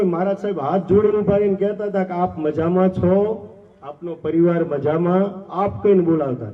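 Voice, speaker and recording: A man giving an impassioned festival sermon as an ashram trustee, exhorting his listeners with rhetorical questions and acting out quoted voices. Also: high-pitched. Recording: distant voice on a tinny phone-like line.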